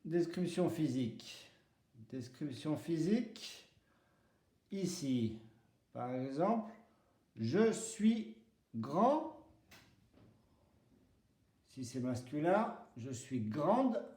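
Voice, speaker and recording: A male French teacher speaks slowly and deliberately with a mellow, warm voice. He repeats each example word and walks through pronunciation rules step by step. The sound carries a roomy echo. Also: fairly high pitch, very animated. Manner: spells out pronunciation rules, switching between French and Basque. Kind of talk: slow, deliberate language lesson with repeated example words. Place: home.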